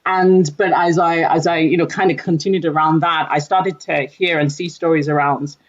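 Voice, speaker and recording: In a podcast conversation, a Nigerian woman who works as an environmental lead at a company talks earnestly about her background and career, using plenty of fillers. Her voice sits low, with fairly even intonation and a moderate pace. The audio is dull and lo-fi.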